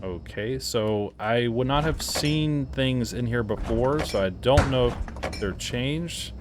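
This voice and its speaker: A man's voice: mid-range voice, slow pace, background noise. A man casually commenting as he plays a horror game, thinking aloud, puzzled, with startled yelps and laughs. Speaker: game reviewer playing a horror game. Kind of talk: casual let's-play commentary.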